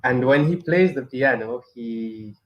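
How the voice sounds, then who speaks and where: The audio is dull, carrying a mid-range male voice at a measured pace. The speaker, a middle-aged Cameroonian, hosts a weekly live space engineering broadcast and addresses viewers casually and hesitantly, with many restarts, fillers and frequent chuckles.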